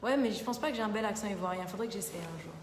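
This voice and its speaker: A woman's voice: medium pitch, very fast. A young adult woman, a TV columnist hosting a casual live Q&A, chatting informally and often filling with repeated little interjections. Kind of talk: casual live Q&A reading viewer comments. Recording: roomy studio reverb, faint background noise.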